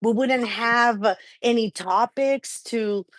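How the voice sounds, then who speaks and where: A middle-aged woman with a fairly high voice talks in a loose, chatty way. She tells things in an animated, conversational manner as a show co-host. The sound is dry, with very little room to it. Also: slow, dry recording. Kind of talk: casual chat.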